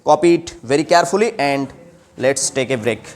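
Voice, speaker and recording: A man's voice: medium pitch, very slow. A male biology teacher lecturing to students. He asks question after question, repeats the answers for them, and mixes English terms into his Hindi. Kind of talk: classroom lecture.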